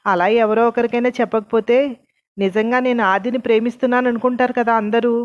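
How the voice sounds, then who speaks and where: A woman's voice: a little high, steady tone, fast, close to an everyday voice. Brief: woman voicing a reproachful young girlfriend in an audio story, dull lo-fi sound. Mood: worried. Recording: dull lo-fi recording.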